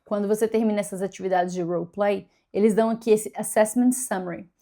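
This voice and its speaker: A woman's voice: medium pitch, steady tone, fast, dark tone. A woman, chatting casually to camera in a vlog and often correcting herself mid-sentence. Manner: chatty, self-correcting, upbeat. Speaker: vlogger.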